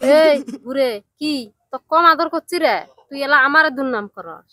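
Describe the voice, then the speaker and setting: Woman as scolding wife, high voice, dry sound. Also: normal speed, bright, forceful tone, dry recording.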